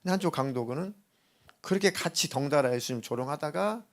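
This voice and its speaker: A man's voice: fairly high pitch, animated, brisk. A male pastor preaching a sermon in an earnest, urging manner, now and then acting out quoted voices.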